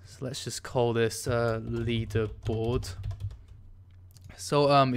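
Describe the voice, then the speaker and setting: A keyboard clacks faintly behind a man whose mid-range voice is smooth and clean as he hosts a screen-recorded coding tutorial. He speaks casually and hesitantly, restarting and saying um often while typing.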